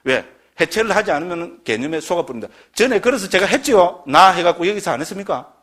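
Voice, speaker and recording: A middle-aged man teaches Buddhist scripture to a class. His somewhat high voice swoops up and down with lively emphasis. He keeps throwing questions at his listeners. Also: fast talker. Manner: lively, quizzes the audience with constant questions. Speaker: Buddhist lecturer.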